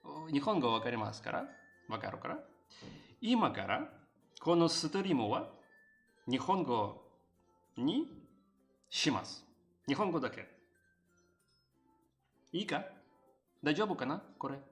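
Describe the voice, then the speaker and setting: A male streamer and game developer chats loosely with his viewers while drawing on a live stream, rambling with piles of fillers and restarts and answering chat. His voice is on the high side and sing-song, at a measured pace with frequent pauses. For a joke he slips into broken learner Japanese, and faint music plays behind him.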